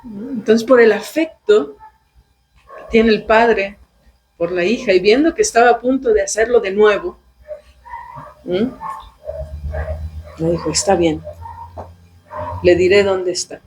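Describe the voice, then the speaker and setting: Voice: medium pitch, unhurried, long pauses, a little mellow, low-quality recording. Teacher telling a devotional story, keeps checking in with the listeners, acts out the characters. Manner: checks in with listeners using tag questions.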